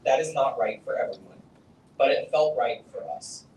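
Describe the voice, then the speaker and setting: A man's voice: mid-range voice, normal speed, a little mellow, echoey room, recorded from a distance, slight background noise, poor audio. A man giving a casual, profane storytelling talk on stage at a summit, leaning on "like" and "okay?". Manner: casual, profane, self-deprecating, lots of "like" and "okay?". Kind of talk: storytelling keynote speech. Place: conference hall.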